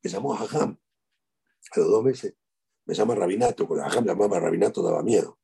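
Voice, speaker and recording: A man's voice: sits low, quick pace, gravelly, dark tone, husky. A middle-aged man with an Argentine Spanish accent, a rabbi giving a eulogy sermon and telling stories with animation, repeating key phrases.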